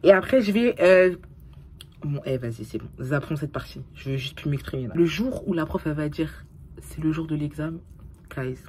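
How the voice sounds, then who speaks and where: A tired young woman with a low voice chats casually to her camera, swearing freely and slipping English phrases into her talk. A faint hiss sits under the recording. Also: a little fast, dark tone. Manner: chatty, swears often, mixes English phrases into her French. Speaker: vlogger. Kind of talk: casual vlog chat.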